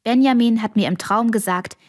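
A woman reading a first-person audiobook, expressive and sometimes dropping to a whisper. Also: a little high, normal speed. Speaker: audiobook narrator.

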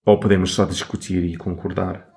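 A man's voice: low voice, little pitch movement, brisk, gravelly, a little mellow, soft background music. A man with a European Portuguese accent co-hosting in casual, easygoing chat, with some hesitations. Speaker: co-host.

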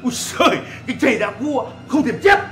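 Actor doing a mocking neighbor, highish voice, faint music behind. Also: male voice, animated, a little fast, fairly bright tone. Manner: teasing, drawling. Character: cheeky middle-aged male neighbor, crude and mocking. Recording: echoey room, music behind.

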